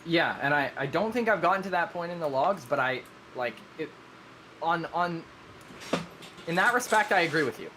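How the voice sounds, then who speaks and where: A man's voice: fairly high pitch, expressive, normal speed, noisy background. A man who runs a game server, explaining his rules earnestly in a live-streamed discussion, rambling and often restarting his sentences. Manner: earnest, rambling, self-correcting with many restarts.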